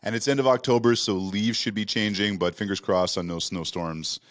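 Podcast host: man, very low voice, casual joking studio chat. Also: steady tone, moderate pace, fairly bright tone. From Canada. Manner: jokey, upbeat banter.

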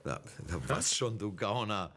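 A man co-hosting a comic movie show in a theatrical, pompous and excitable manner. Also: lowish voice, a little slow, breathy edge. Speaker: co-host of a bad-movie show. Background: music.

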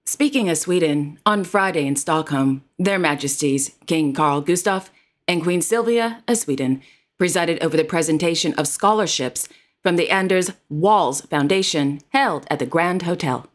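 A woman's voice: low-pitched, moderate pace. A woman presenting royal news in a formal, carefully read narration. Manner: formal, reads titles and quotes carefully.

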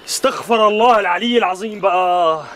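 A man's voice: high-pitched, fairly quick, a bit bright, a little hiss or hum. An actor playing an impatient village man with a Syrian accent, asking questions in exasperation. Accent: Syrian Arabic. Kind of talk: TV period drama acting.

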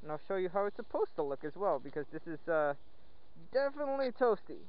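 A man chatting casually and playfully while metal detecting outdoors in the woods, excited over each find. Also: high-pitched, quick pace. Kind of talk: casual outdoor vlog commentary. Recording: dull lo-fi outdoor audio with faint wind noise.

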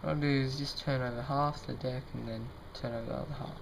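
Young male amateur magician, informal and self-deprecating, medium pitch, noisy home recording with card shuffling. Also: fairly even intonation, fast, gravelly. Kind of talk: casual demonstration to camera. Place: indoors at a table.

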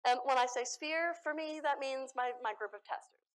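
A young American woman giving a conference talk with slides, animated and self-deprecating, laughing often at her own jokes. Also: sits high, moderate pace. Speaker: conference speaker. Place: conference hall stage.

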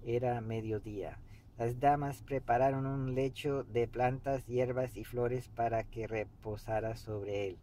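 Sitting in a car parked by a street, a man in his fifties reads a book aloud with a meditative, halting delivery, pausing mid-sentence and clearing his throat. He is an amateur reader with a medium-pitched voice. A camera about an arm's length away picks him up along with steady in-car background noise.

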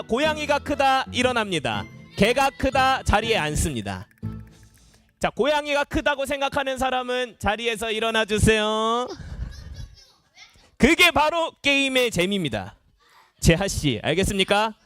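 Bright, high-pitched young man leading kids' games. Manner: playful, energetic, calls out to a room of kids. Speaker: junior pastor leading a children's service. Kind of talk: lively quiz game with children. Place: church education hall.

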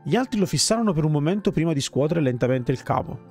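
A man's voice: a little high, animated, fast talker, darkish tone, soft background music. Man reading a game story aloud. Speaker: gamer reading game text.

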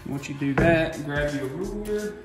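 A man presenting a casual woodworking how-to in a plainspoken, steady way with frequent ums, his voice carrying a big hall-like echo. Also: a little high, unhurried. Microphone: phone camera mic. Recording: very echoey phone audio from a distance, loud music behind.

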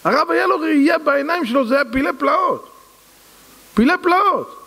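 A man's voice: very high voice, vocal fry. Guy giving a sermon full of stories, acts out the people in them, echoey hall. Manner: animated storyteller, voices quoted people, addresses audience as "gentlemen". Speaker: rabbi giving a lesson. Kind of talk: storytelling sermon. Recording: reverberant hall.

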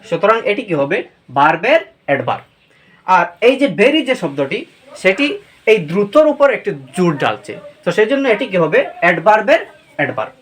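A teacher explaining a grammar lesson to students, posing questions and answering them, reading example sentences slowly. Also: medium pitch, fairly bright tone.

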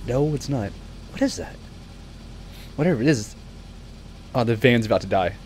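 A man streaming a game and commenting live, excitable and laughing often as he exclaims at what happens on screen. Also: medium pitch, normal speed, a little hiss or hum.

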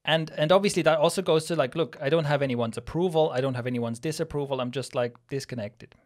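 A man's voice: a little high, fast. Man from switzerland, thirties, podcast co-host, reflective, thinks aloud, studio mic. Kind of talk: casual podcast conversation. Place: small studio room with plant wall. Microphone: studio mic on boom arm, headphones.

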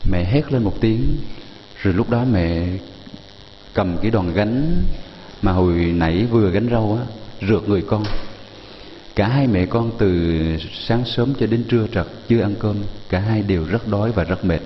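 A male Buddhist monk telling a story in a sermon, gently addressing his listeners. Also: lowish voice, long reverb tail, highs cut off, slight background noise.

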